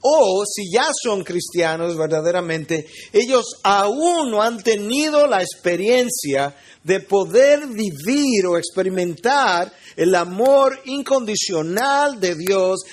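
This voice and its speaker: A middle-aged man who is a pastor, preaching an earnest teaching sermon and speaking straight to his listeners. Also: sits high.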